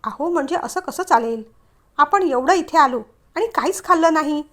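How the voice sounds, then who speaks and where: A woman voicing a flustered but spirited young woman who turns sharp and scolding. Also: high voice, lively intonation, normal speed.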